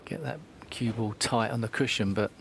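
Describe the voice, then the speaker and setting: A man with a lowish voice commentates on live snooker. His delivery is measured and analytical, with a light layer of ambient noise behind him. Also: creaky.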